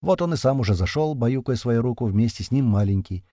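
A man narrates a first-person battle story in rough, slangy prose. His reading moves a lot in pitch, and his voice is warm and a little husky. The recording is close and dry. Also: expressive, no echo. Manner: slangy, swearing, fast-moving action telling. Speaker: audiobook narrator.

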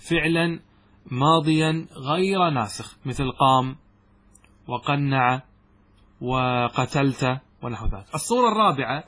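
Male grammar teacher, lecture style, somewhat high and husky, methodical and question-driven. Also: fairly bright tone. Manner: explains step by step, asks the students questions and answers them himself. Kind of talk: classroom lecture.

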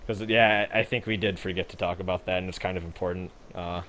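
A man's voice: low voice, steady tone, fast talker, a bit bright, slight background noise. A young man co-hosting a gaming podcast, chatting casually in a rambling, laid-back way with frequent swearing and fillers. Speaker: podcast co-host.

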